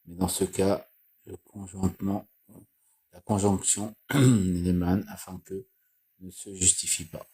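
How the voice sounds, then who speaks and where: A man reading and explaining Torah commentary in a slow, halting way, with restarts and repeated phrases. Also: low voice, steady tone, dark tone, breathy edge. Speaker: Torah teacher.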